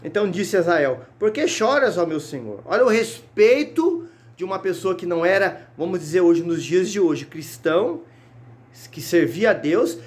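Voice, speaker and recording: A man's voice: high-pitched, lively intonation, moderate pace, darkish tone. A man preaching a fervent sermon in a church, reading Bible verses aloud and often crying out hallelujah and brothers. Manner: repeats words and restarts while reading. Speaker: evangelist preaching on a Bible chapter. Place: church sanctuary.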